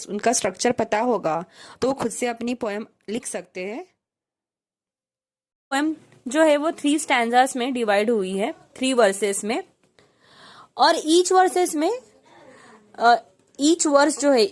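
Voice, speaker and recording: High-voiced woman teacher explaining a poem. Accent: Mumbai. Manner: mixes English terms into Hindi, explains step by step.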